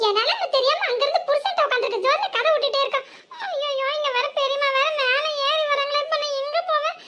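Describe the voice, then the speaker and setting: A woman's voice: extremely high pitch, heavy background noise. A woman voicing a chatty, teasing young village wife in a comic cartoon, with a southern Tamil Nadu accent and gossipy muttered asides.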